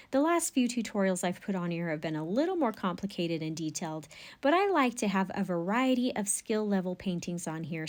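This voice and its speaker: Gentle woman guiding a painting tutorial. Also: medium pitch. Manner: gentle, encouraging instructor. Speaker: painting instructor, host of tutorials. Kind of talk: scripted step-by-step tutorial narration.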